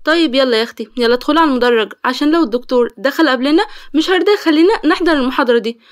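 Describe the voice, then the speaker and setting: A woman portrays a caring young student who fusses over her friend, speaking very fast in a high, lightly acted voice with an Egyptian Arabic accent. The storytelling has a fussing mood, her scolding kind rather than harsh.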